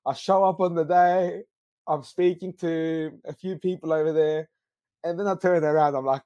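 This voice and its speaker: A young man from Greece, a guest on a football podcast, telling a story in a lively, laughing way. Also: fairly high pitch, moderate pace, no echo, lo-fi sound. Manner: animated, laughs through his story. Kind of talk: casual storytelling chat.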